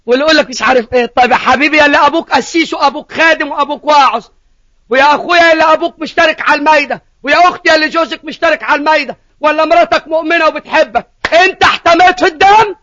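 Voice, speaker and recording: Egyptian male preacher, high-pitched voice, dry dull lo-fi sound, animated questioning. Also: racing, no echo. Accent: Egyptian Arabic. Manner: animated storytelling, questions to the congregation. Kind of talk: sermon.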